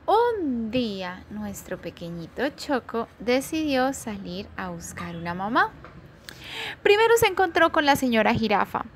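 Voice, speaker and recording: A woman reading a children's story aloud in a slow, expressive storybook manner. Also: fairly high pitch, a little hiss or hum.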